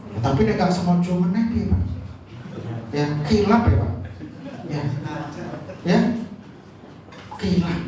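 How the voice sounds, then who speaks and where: A male pastor with a Javanese accent preaching live, heard from a distance in a very echoey hall with faint background hiss. He teases his listeners, fires questions at them, and draws out key words in a near-singing stretch. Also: high-pitched. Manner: jokey, quizzes the congregation with questions. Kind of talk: live sermon.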